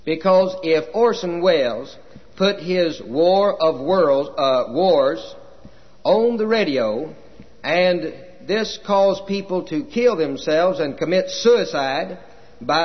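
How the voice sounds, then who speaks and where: Folksy preacher man, old echoey tape. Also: fairly high pitch. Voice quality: folksy, halting with many uh fillers. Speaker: chaplain preacher. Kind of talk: sermon. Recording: dull lo-fi old recording with long reverb.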